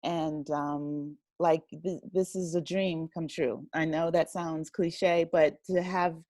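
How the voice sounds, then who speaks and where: A woman who writes and directs audio dramas speaks casually as an interview guest, modest and self-deprecating and quick to laugh. Her voice is low, steady, and warm, her pace slow, with no echo.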